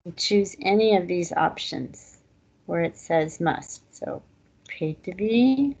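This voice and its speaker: A woman teaching a language lesson at an unhurried, deliberate pace. Her voice is low and gravelly with a husky edge. She explains the grammar patiently, one step at a time. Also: lively intonation, darkish tone, low-quality recording.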